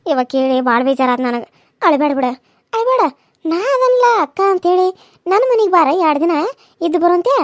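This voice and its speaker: A woman's voice: very high-pitched, lively intonation, moderate pace, pauses often, no room sound, studio quality. A woman voicing a caring older village woman who comforts and advises. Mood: concerned. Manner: soothing, bossy-kind, reassuring. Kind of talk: cartoon serial voice acting.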